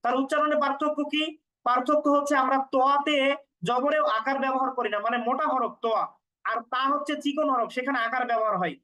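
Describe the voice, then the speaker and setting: Woman, high-pitched, patient teacher, repeats sounds clearly. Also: steady tone, sharp tone, poor audio. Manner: patient, explanatory, repeats sounds slowly for learners. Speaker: Quran recitation teacher. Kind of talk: step-by-step pronunciation lesson.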